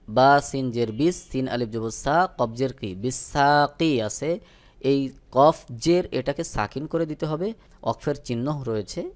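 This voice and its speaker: Man teaching tajweed, steady mid voice. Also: medium pitch. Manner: slow drawn-out demonstration of recited words. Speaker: Quran recitation teacher. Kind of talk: tajweed lesson.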